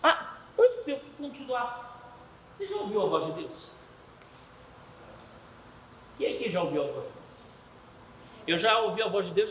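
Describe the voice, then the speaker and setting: A Brazilian man preaching a sermon with a Brazilian Portuguese accent, telling stories in an animated way and doing the voices of people he quotes. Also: high-pitched, reverberant, long reverb tail, a little hiss or hum, poor audio. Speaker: pastor.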